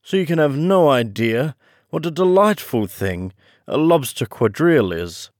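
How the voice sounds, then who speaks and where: A man's voice: mid-range voice, sing-song, measured pace, no room sound, studio quality, pitched above the performer's own voice. Storybook creature role: weepy, emphatic sea turtle, voice raised well up male reader acting it out. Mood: mournful. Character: weepy, melancholy old male sea turtle, excitable at times. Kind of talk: storybook character reading.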